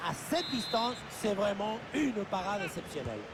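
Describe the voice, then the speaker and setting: A man giving excited sports commentary as a football co-commentator, analysing the play. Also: high voice, normal speed. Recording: loud stadium-like background noise.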